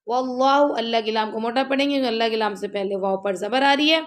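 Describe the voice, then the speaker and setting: High-voiced woman teaching recitation. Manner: slow drawn-out recitation of verses between brisk explanations. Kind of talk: step-by-step tajweed lesson.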